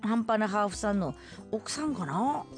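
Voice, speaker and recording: A woman's voice: medium pitch, animated, normal speed, soft background music. A woman radio host with a Kumamoto accent, reading listener mail and bantering in playful, laughing chat. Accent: Kumamoto dialect. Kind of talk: lively casual radio chat.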